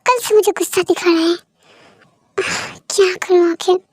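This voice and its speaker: Girl doing a worried pregnant wife, super high voice, dry close sound, pleading. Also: fairly even intonation, moderate pace, no room sound. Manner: pleading, tearful. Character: pregnant young wife, anxious and tearful. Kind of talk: fan story voice acting.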